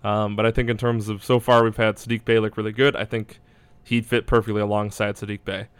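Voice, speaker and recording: A man's voice: on the low side, little pitch movement, brisk, smooth, no room sound. A man talking casually as a basketball draft analyst, hedging and thinking aloud as he goes. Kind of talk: casual sports discussion.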